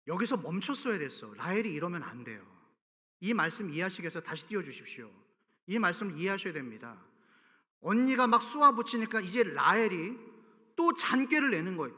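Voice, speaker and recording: A male pastor giving an animated, storytelling sermon and cueing the congregation to read aloud together. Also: sits high, normal speed, long pauses. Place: large church sanctuary. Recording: reverberant church hall.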